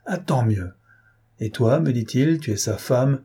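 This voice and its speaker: A ferocious bandit chief snarls his threats, as a man reading aloud puts him on. The voice is dark and very husky, pushed up high and hard. A cruel, menacing storybook villain. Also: expressive, unhurried, heavily acted.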